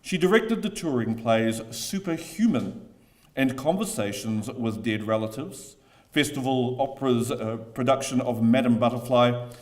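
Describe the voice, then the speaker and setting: A man's voice: mid-range voice, moderate pace, a little mellow. A man reading scripted honours citations formally at a ceremony.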